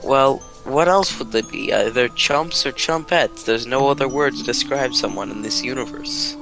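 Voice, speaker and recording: A man's voice: medium pitch, normal speed, over music, rough recording. A man co-hosting a casual podcast over a voice call. He rambles and fills his talk with "like". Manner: rambling, lots of "like". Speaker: podcast co-host. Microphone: voice-call mic.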